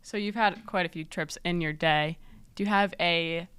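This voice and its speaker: A woman's voice: fairly low pitch, moderate pace, a bit bright, smooth. A woman hosting a podcast, chatting casually and asking follow-up questions. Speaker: podcast host.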